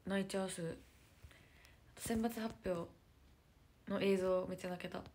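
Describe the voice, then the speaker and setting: A woman's voice: fairly low pitch, steady tone, normal speed, a little mellow. A young woman with a lilt, chatting casually to viewers on a phone livestream, searching for words and dropping into whispered asides. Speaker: idol live streamer. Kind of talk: casual live-stream chat.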